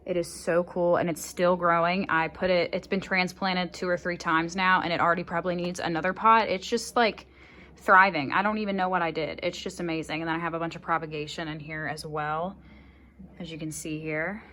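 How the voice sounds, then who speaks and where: A woman's voice: on the low side, steady tone, brisk, sharp tone. A woman vlogger giving a casual, upbeat tour of her houseplants around her condo, talking with lots of fillers. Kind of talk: casual home plant tour. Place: her condo, moving between indoors and outside.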